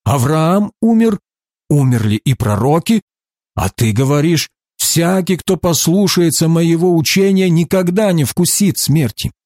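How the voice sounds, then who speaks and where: A man's voice: a little high, animated, unhurried, darkish tone, no echo, clean studio sound, voice pushed up. A man reading the lines of a group of male challengers, in an indignant, questioning way.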